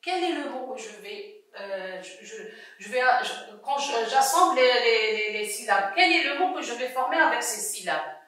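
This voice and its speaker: A woman teaching a first-grade reading lesson, speaking slowly, repeating words and syllables and praising often. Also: fairly high pitch, lively intonation, a bit bright, far from the mic. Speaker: primary school teacher. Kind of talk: slow classroom lesson for young children. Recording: echoey room, voice away from mic.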